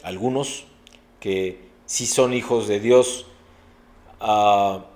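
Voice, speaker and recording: A man's voice: on the low side, fairly even intonation, extremely slow, darkish tone, faint music behind. A middle-aged man preaching a sermon as a pastor, earnest and preacherly, with sudden emphatic rises.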